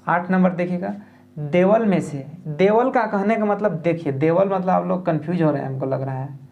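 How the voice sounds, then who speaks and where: A man with a Jharkhand accent teaching an exam-prep language lesson, explaining patiently and slowly sounding out letters as examples. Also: high-pitched, vocal fry, dull audio. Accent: Jharkhand Hindi. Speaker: exam tutor.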